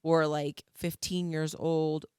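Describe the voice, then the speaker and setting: A woman in her thirties chatting casually as a podcast co-host, her voice hoarse and raspy after being sick. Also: sits low, level tone, slow, a little mellow, no echo, studio quality. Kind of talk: casual chat.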